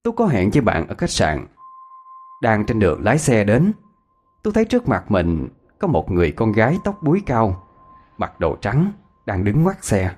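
Expressive male ghost-story narrator. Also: fairly low pitch, moderate pace.

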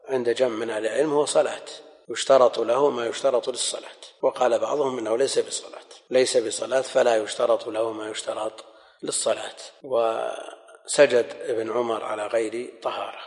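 A man teaching a scholarly lesson in a measured, explanatory manner, often repeating key phrases. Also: medium pitch, fairly even intonation, a little mellow. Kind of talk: recorded lecture commentary. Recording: long hall reverb.

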